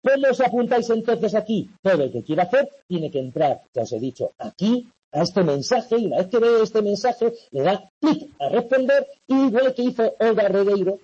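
A man's voice: high-pitched, expressive, normal speed, few pauses, dark tone, breathy edge, lo-fi sound. A man from tutoring an online university class, explaining coursework patiently and checking often that students follow. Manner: patient, repetitive, frequent "¿vale?" checks.

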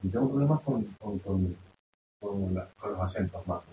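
A man's voice: on the low side, normal speed, dark tone. A man speaking as a student in a class, hesitant and repeating his words. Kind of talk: classroom question. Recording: distant, roomy, with hiss.

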